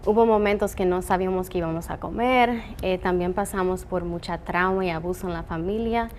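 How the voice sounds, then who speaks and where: A woman's voice: lowish voice, fairly quick, a little mellow, slight background noise. A woman from the Dominican Republic, an engineer, answering interview questions earnestly with many "eh" fillers. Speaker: telescope operations engineer.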